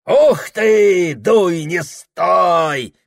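A man voicing a boastful bearded gold-digger who talks in a loud, swaggering way. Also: fairly low pitch, lively intonation, slow, no echo, clean studio sound, heavily acted.

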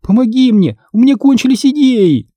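A man doing a shrill frantic young girl. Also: animated, moderate pace, dark tone, dry recording. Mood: panicked. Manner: shrill, exclaiming. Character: excitable young girl, desperate and fierce. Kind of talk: audiobook character voice.

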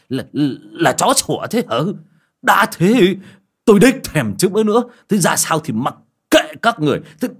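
A man voicing a proud, hot-tempered village healer who rants loudly. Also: a little high, slightly rough, voice pushed up, heavily acted. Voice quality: raised and shouting when angry.

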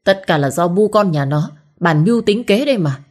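A woman voicing a furious, jealous young village woman who spits out fast accusations in a storybook reading. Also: on the low side, lively intonation, darkish tone.

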